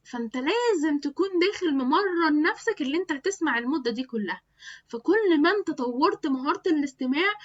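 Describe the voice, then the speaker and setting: A woman's voice: sits high, lo-fi sound. A woman with an Egyptian Arabic accent teaching English in a chatty spoken lesson, modelling English words aloud as she explains.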